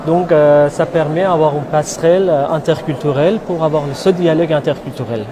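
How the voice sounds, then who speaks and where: A man's voice: on the high side, a little fast. A man from the organizing association answering interview questions, hesitant with many fillers. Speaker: association member. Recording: noticeable background noise.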